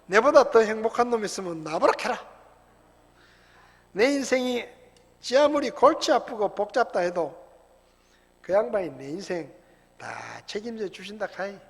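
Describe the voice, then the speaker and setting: A man plays a boisterous, rough-spoken Gyeongsang countryman, booming out a psalm in a hearty folksy voice. The voice sits high and a little husky. It rings with the long reverb of a church hall. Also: lively intonation, moderate pace, pauses often, full character voice. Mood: hearty, boastful. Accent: Gyeongsang dialect, put on. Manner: loud, hearty, rustic folksy delivery.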